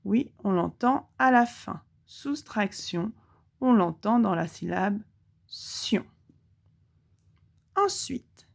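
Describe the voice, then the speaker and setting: Woman, French accent, primary teacher, very slow, clearly articulated, pausing for the child's answers. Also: medium pitch. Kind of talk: recorded lesson for young children.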